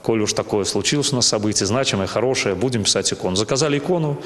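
A middle-aged man who serves as rector of a small church shares stories on camera, holding an interview microphone while the interior echoes around him. He speaks very fast in a lowish, slightly bright voice.

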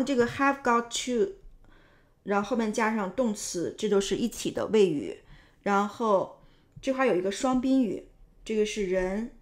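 A woman English teacher patiently explaining sentence structure and pronunciation step by step, with frequent filler sounds. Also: on the high side.

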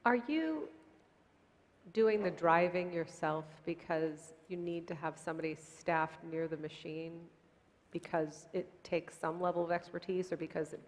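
Woman judge, low-ish voice, pushes with direct questions, hall echo. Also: a little slow. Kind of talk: panel questions. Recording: reverberant conference hall.

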